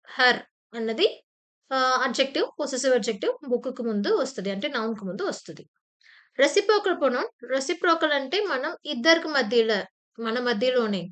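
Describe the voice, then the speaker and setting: A woman's voice: a little high, a bit bright. A woman teacher giving an exam-prep grammar lesson, explaining patiently with repeated examples and sometimes acting out short phrases with sudden emphasis. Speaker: English teacher. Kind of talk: exam-prep lecture in Telugu mixed with English terms. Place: online class recording.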